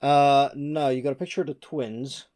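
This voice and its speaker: A man's voice: medium pitch, fairly even intonation, moderate pace, darkish tone. A man co-hosting a podcast in casual chat, blunt and jokey, swearing freely. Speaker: podcast co-host.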